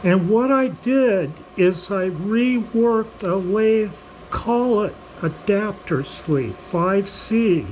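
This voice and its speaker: An older man speaks in a weak, reedy, hoarse voice that sits high for a male. He walks through a workshop task at a slow, halting pace in plain, casual words. A little noise sits behind him. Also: lively intonation, a little mellow, poor audio. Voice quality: weak, thin, hoarse voice from surgical damage. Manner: halting, plain-spoken explaining. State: hoarse from smoke. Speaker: millwright demonstrating shop tools. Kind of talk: casual hands-on workshop demonstration.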